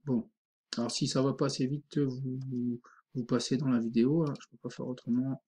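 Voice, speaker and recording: A man teaching a screen-recorded software tutorial, informal and thinking aloud, full of fillers. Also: mid-range voice, little pitch movement, normal speed, breathy edge.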